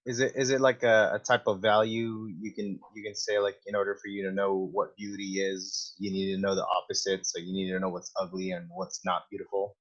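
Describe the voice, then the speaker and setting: A man's voice: low voice, little pitch movement, brisk, few pauses. A man in an online workshop, suggesting ideas tentatively and restarting his sentences. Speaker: workshop participant. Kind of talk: casual discussion. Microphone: video call, no webcam. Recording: dull lo-fi call audio.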